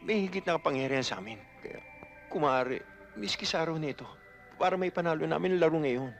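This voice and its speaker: A man's voice: on the high side, fast talker, soft background music, natural voice. A man playing a begging, deferential underling. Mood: pleading. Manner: deferential and formal, then overjoyed. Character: pleading male underling begging for power.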